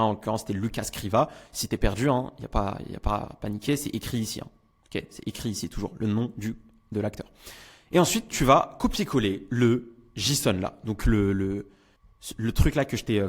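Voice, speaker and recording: A young man giving a casual screen-share software tutorial, talking informally with many fillers and frequent check-ins. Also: fairly low pitch. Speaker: online business coach.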